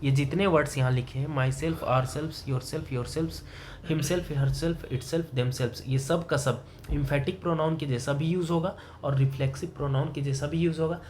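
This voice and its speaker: A man giving a classroom grammar lesson in a somewhat higher voice. He keeps asking the student questions and then answers them himself, moving between Hindi and English terms. Faint room noise sits behind him. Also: fairly even intonation, unhurried, a little mellow. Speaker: English teacher.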